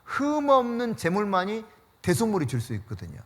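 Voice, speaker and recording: A man preaching a sermon as pastor, telling stories in an animated way with frequent laughter and dropping to a hushed voice for emphasis. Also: brisk. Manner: drops to a hushed low voice for emphasis.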